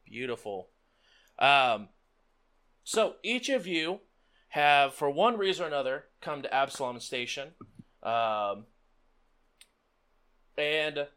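A man's voice: mid-range voice, fairly bright tone. A man hosting a tabletop roleplaying game as game master, addressing players and audience.

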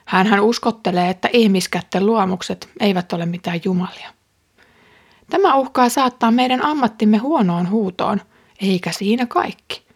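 An agitated male silversmith stirring up his fellow tradesmen, as a woman reads his speech aloud. His words press forward with growing urgency in a husky, breathy voice. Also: mid-range voice. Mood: urgent.

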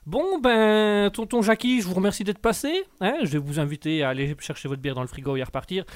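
A man's voice: high voice, a little fast, dry recording. A man hosting a live comic radio call-in show, teasing and playfully bossy with his guests, on a close studio mic.

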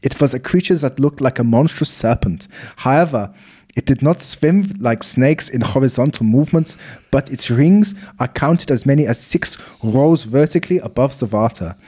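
A man's voice: medium pitch, lively intonation, normal speed, few pauses, warm tone, slightly rough. Man doing a German doctor telling a monster tale. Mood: dramatic. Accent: put-on German. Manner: dramatic, storytelling read-aloud. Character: German male doctor recounting a lake serpent sighting.

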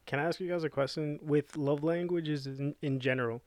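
A man's voice: on the high side, steady tone, brisk. A young man in casual podcast chat, hesitant and thoughtful, often restarting words.

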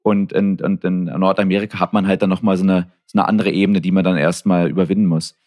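A man from Berlin with a Berlin accent, talking in a reflective, halting way with many restarts in a casual conversation. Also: low-pitched, level tone, a little mellow. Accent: Berlin German. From Berlin, Germany.

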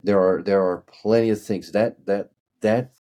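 A man's voice: fairly low pitch, fairly even intonation, unhurried, warm tone. A man with a Kentucky accent talking casually as a podcast guest, often repeating and restarting words as he searches for them. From Kentucky, United States.

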